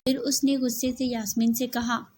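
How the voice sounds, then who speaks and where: A woman giving scripted narration of a cartoon story in a clear, steady voice. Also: a little high, normal speed, slight background noise.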